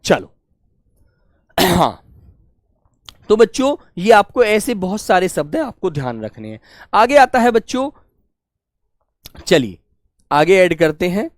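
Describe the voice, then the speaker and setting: A man teaching a grammar class for exam students, warmly coaxing and asking questions that he then answers himself. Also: high-pitched, big pitch swings, dry recording, studio quality. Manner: warm coaxing, calls students "beta", asks and answers his own questions; stretches key words slowly while dictating notes.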